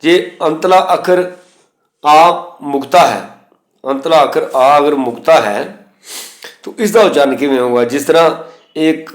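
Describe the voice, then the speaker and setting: A man teaching the pronunciation of scripture, reciting verses slowly and spelling out letters and vowel signs methodically. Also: a little high, roomy sound. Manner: slow chanted recitation of verses between explanations. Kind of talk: recorded lesson on scripture pronunciation.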